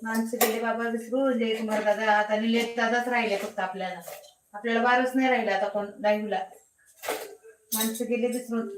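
A woman's voice: a little high, fairly even intonation, a little fast, far from the mic. A woman hosting a casual live stream from her home kitchen, teasing and calling out to viewers by name. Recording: echoey room, faint background noise.

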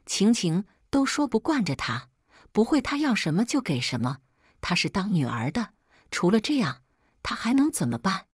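A woman's voice: medium pitch, big pitch swings, moderate pace, slightly rough, dry recording, clean studio sound. A woman voicing a firm, protective young man in a story. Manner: firm, frowning. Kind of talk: scripted story narration.

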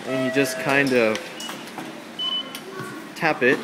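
A young man in his twenties or so narrates a walking vlog casually, in a plain and low-key tone at a slow pace. He holds the camera at arm's length while moving outdoors through rain and crowded train stations. Loud street and station noise fills the recording, with trains, vehicles and city ambience behind him.

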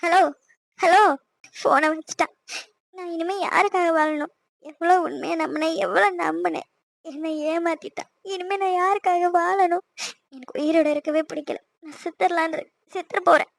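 A woman's voice: very high voice, fairly even intonation, normal speed, creaky, dry recording. A woman voicing a heartbroken young woman in a cartoon, pleading and wounded. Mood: despairing. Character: heartbroken young woman in love, tearful, desperate.

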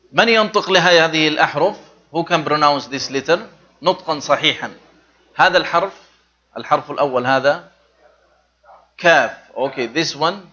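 A man teaching an Arabic class online, switching between Arabic and English and repeating each word slowly for his students to say after him. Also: a little high, pushed and bright, highs cut off.

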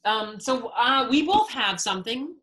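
A woman's voice: on the high side, very animated, unhurried, background noise. A woman host on a video call, reading a children's story expressively, then chatting about a simple kids' science activity.

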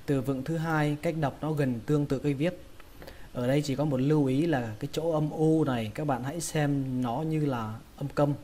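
A man teaching English pronunciation in a casual lesson, repeating each word slowly and carefully. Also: fairly high pitch, steady tone, dark tone, a little hiss or hum. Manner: slow, drawn-out repetition of words.

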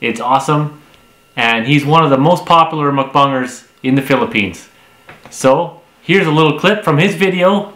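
A man's voice: fairly high pitch, moderate pace, a bit bright, roomy sound. A man co-hosting a mukbang vlog, friendly and enthusiastic as he presents and tastes the food. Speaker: mukbang vlogger, co-host. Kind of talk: casual chat.

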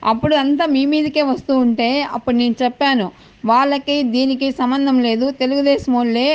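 Woman in a dull phone voice message. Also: high voice. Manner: insistent, repeats her point over and over. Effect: recorded phone voice message. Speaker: political supporter leaving a message.

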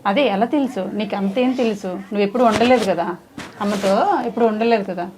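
A woman hosting an interview, coaxing a child with soft, repeated questions. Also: medium pitch, fast talker, noisy background. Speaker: host. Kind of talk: casual interview.

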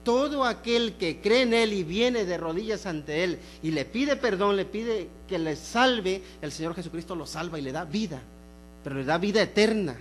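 High-voiced preacher with emphatic delivery. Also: male voice, expressive, a little hiss or hum. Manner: emphatic preaching, slows on key phrases, drops to soft asides. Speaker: pastor. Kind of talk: sermon. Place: church sanctuary.

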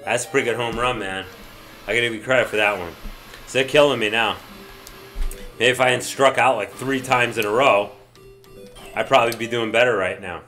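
A man casually commenting while playing an old baseball video game, excitable, shouting at the players and grumbling when things go wrong. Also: medium pitch, a little fast, long pauses, soft background music. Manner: excitable, swears mildly, yells at the game. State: says he is drunk. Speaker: let's play gamer.

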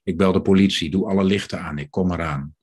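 Guy reading a brisk tense man, urgent, low raspy tone. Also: steady tone, darkish tone.

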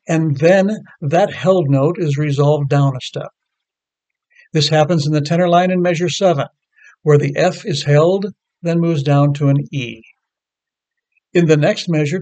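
A man reading a scripted lecture that explains choral music, in a measured, explanatory way. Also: on the high side, darkish tone.

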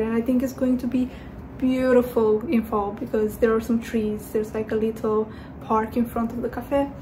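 A woman vlogging in a casual, chatty way, gushing and rambling with fillers as she talks through her day. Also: on the high side. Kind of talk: casual vlog chat. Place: city streets, cafes and home. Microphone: phone camera. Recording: noisy street ambience with traffic. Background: street noise and vehicles.

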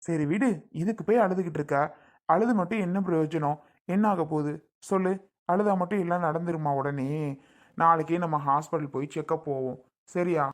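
A woman as a low-voiced coaxing relative. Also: moderate pace, natural voice. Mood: reassuring. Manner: coaxing, exasperated. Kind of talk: family skit acting.

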